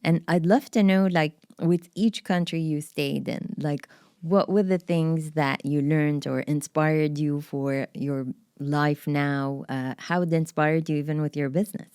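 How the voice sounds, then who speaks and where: A woman hosting a podcast interview, her voice pitched low with a mellow, darker tone. She talks earnestly and often pauses with fillers as she introduces her guest. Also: steady tone, clean tone. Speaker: podcast host.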